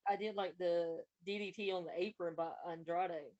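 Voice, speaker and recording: A woman's voice: fairly low pitch, fairly even intonation, moderate pace, a little mellow, highs cut off. A woman co-hosting a podcast, recapping wrestling matches in a casual, running play-by-play way. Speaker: podcast co-host.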